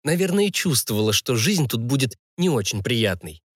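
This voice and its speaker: A man's voice: medium pitch, sing-song, moderate pace, dry recording. A man narrating a fantasy audiobook in the first person, with a wry, ironic storytelling manner, recorded on a close mic.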